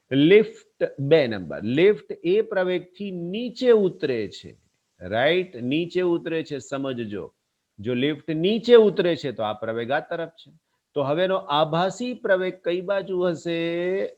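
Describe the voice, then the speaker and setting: A man's voice: on the high side, lo-fi sound. A man giving a physics lecture. He talks fondly to his students, asks them questions and answers them himself. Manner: animated, talks warmly to students as kids. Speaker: physics teacher. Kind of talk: classroom lecture.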